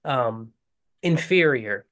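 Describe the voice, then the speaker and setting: A man's voice: mid-range voice, animated, slow, fairly bright tone. Chatty male podcast host. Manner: chatty, loose, laughing asides. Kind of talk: casual podcast chat.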